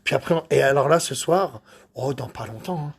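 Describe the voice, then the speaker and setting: A man who details cars, chatting casually while he works, excitable, boastful and rambling, with a husky voice. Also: medium pitch, normal speed. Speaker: car detailer. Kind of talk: casual chat while working.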